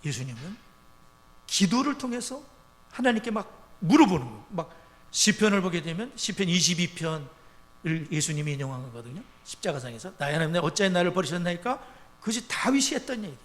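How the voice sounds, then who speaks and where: A male pastor preaching a sermon in a church, with emphatic loud rises and quiet drops. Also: high voice, sing-song, brisk. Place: church sanctuary. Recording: church sanctuary with long reverb.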